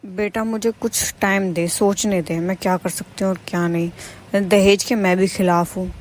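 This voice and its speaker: A gentle middle-aged mother-in-law, voiced by a woman in a home-drama cartoon. She speaks quietly and soothingly at a middle pitch, mild and patient. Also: fairly even intonation, normal speed, a little hiss or hum, lightly acted. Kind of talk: animated cartoon voice acting.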